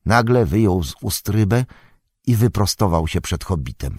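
A man narrating an audiobook in a measured, unhurried storytelling manner. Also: deep voice, lively intonation, darkish tone, husky, no echo. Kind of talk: scripted narration.

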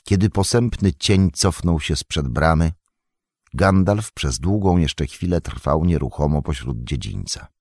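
A man narrating an audiobook in calm, measured storytelling. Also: very deep voice, dry recording, clean studio sound. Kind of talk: scripted narration.

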